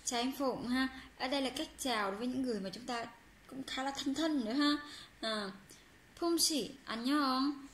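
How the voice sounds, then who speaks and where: High-voiced woman teaching in a roomy space. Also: fairly bright tone. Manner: patient, repeats phrases slowly for learners; reads Korean example sentences quickly. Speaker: Korean language teacher. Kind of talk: explaining a language lesson. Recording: roomy with faint background hum.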